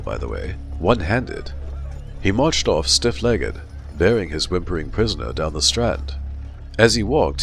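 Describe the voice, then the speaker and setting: Pompous man, very low and gravelly, lively delivery, diary narration over music. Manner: pompous, self-satisfied diarist. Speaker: audiobook narrator. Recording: music bed behind.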